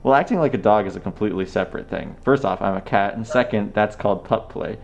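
A man in a fursuit chatting with strangers on a video chat, calm and dry with a teasing sense of humor. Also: fairly low pitch, quick pace, creaky, lo-fi sound. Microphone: talking from inside a fursuit head.

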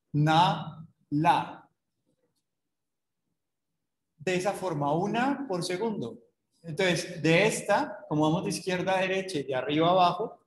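A man lectures to a class online, walking through each step and pausing to ask his listeners rhetorical questions. His voice sits a little high for a man. The room around him is echoey. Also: slight background noise.

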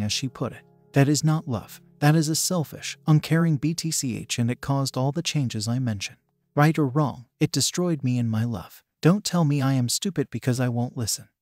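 A man reading a first-person relationship story in a plain, steady voice, spelling out swear words instead of saying them. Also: mid-range voice. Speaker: story narrator.

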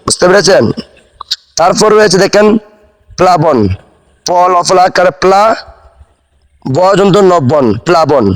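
A man giving a slow spelling lesson, repeating each word and asking if the viewer understood. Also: sits high. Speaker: teacher. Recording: long hall reverb.

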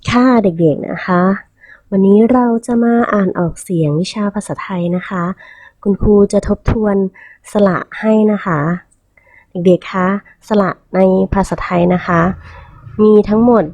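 A woman kindergarten teacher leading a slow reading lesson, patiently saying each vowel name several times for the children to repeat. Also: medium pitch, a little mellow, dry recording.

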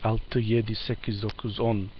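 A man who is a non-native beginner with a foreign accent, practicing simple phrases haltingly and searching for words. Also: on the low side, flat delivery. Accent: foreign, non-native Turkish. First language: not Turkish. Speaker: language learner. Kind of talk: beginner language practice to camera. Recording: muffled lo-fi audio, faint noise.

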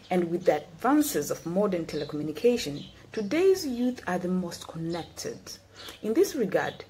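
A guest speaker in her twenties from Tanzania gives a prepared, earnest address to a youth forum via video call, reading from notes at a measured pace in an indoor room. She speaks with a darkish mid-range voice over a laptop webcam, and there is slight background noise.

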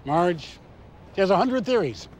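A man's voice: high-pitched, very animated, measured pace, darkish tone. An actor playing a blunt man in a film, speaking in a clipped, matter-of-fact way. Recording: film clip with background noise.

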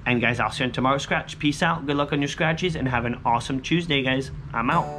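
Talking fast in a mid-range voice, a man in his thirties hosts a scratch-off lottery video, chatting casually to viewers as he scratches tickets. He uses short, repetitive, informal phrases on a covered outdoor patio by a pool, with music playing and clear ambient noise in the background.

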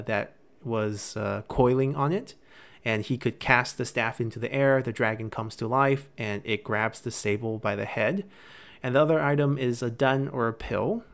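A man's voice: mid-range voice, creaky. A man hosting a game channel, retelling legends and explaining lore in an explanatory way with frequent "uh" fillers. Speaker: gaming channel host.

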